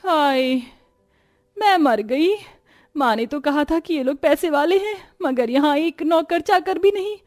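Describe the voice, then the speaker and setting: A lazy, scheming young bride from an animated family drama, voiced by a woman. Her high voice swoops as she whines and plays innocent. Faint music sits behind. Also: unhurried. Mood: whiny. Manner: whiny, sly and theatrical. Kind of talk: Hindi cartoon voice acting.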